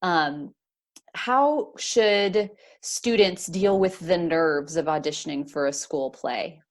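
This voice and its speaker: A woman's voice: low voice, slow. A woman hosting a casual panel chat, asking questions and summing up the others' points. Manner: warm moderator, asks and sums up. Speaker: host.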